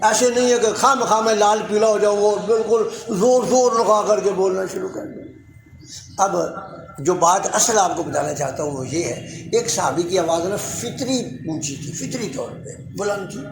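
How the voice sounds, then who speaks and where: A man's voice: sits high, slight background noise. A middle-aged man giving a Friday sermon in a mosque, telling stories with quoted dialogue and reciting Quranic verses. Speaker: preacher. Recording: echoey room.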